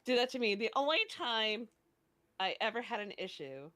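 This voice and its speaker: Lively high-voiced woman telling stories. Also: moderate pace. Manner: animated storyteller, swears freely, laughs through punchlines. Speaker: stream host. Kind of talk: casual storytelling chat.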